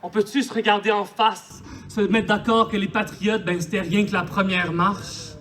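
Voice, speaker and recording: Outdoors in a park at a public celebration, a poet with a Quebec French accent recites impassioned spoken-word poetry in a colloquial, declamatory style. His voice sits high with fairly even intonation, a normal speed, and a fairly bright tone.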